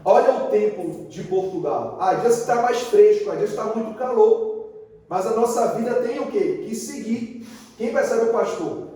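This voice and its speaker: A man with a high but mellow voice preaches in a big church, telling his story vividly and acting out every exchange. His voice rings around a large hall with long reverb, heard from some distance off the mic. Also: normal speed. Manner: lively storyteller who acts out the dialogue. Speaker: pastor. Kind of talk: sermon with storytelling. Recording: echoey hall, voice from far off.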